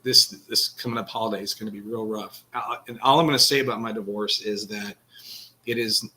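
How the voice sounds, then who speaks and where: A man's voice: fairly low pitch, steady tone, brisk, pushed and bright, poor audio. A man with a Texan accent, co-hosting a podcast and talking earnestly in a rambling, casual way. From Texas. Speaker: podcast co-host. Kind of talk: casual candid conversation.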